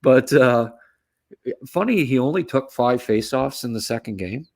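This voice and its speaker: This sports podcast co-host talks hockey in a loose, chatty way, frequently adding "eh" to his remarks and laughing softly at his own asides. His voice is mid-range and a bit dark, with lively intonation and a slightly slow delivery.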